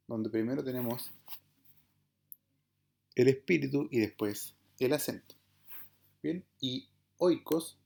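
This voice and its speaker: Patient man teaching a class, dark voice. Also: medium pitch, gravelly. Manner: patient, explanatory, checks understanding with "¿verdad?" and "¿bien?". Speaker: Greek teacher. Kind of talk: online class lecture.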